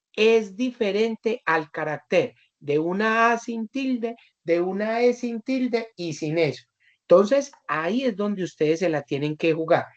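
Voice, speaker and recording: Un hombre con acento colombiano que da una clase en línea y explica con paciencia, imitando a sus alumnos en anécdotas. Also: male voice, high voice, muffled recording. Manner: patient, acts out students in anecdotes. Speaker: teacher. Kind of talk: online class, explaining to students.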